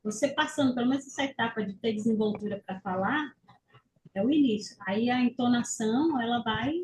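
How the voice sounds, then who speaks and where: A woman's voice: on the high side, brisk, a little mellow, low-quality recording. A woman student talking casually in an online class, hesitant and rambling, with many restarts.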